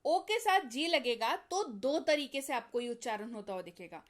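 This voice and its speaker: A woman's voice: high voice, expressive, normal speed. A woman teaching an English phonics lesson, patiently repeating sounds and checking that her students follow.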